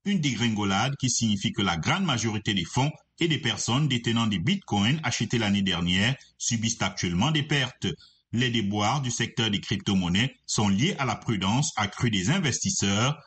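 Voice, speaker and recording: A man anchoring a radio news bulletin, reading the items in an even, formal way. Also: fairly low pitch, breathy edge.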